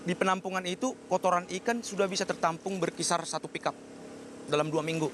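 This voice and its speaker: A man's voice: high voice, steady tone, quick pace, background noise. A man, a former diver, giving interview testimony outdoors by a lake, talking hesitantly with frequent "ah" fillers.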